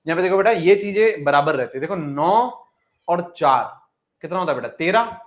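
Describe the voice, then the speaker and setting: Man, chemistry coaching lecture, fairly high voice, repetitive and coaxing, voices student questions himself. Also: animated, moderate pace. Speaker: chemistry teacher.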